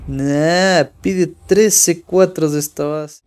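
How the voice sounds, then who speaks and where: A man's voice: fairly high pitch, steady tone, takes it slowly, a little mellow, smooth. A young man from Ecuador giving casual live commentary while playing a mobile game and chatting with viewers. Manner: casual, chatty, reads viewer chat aloud. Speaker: streamer.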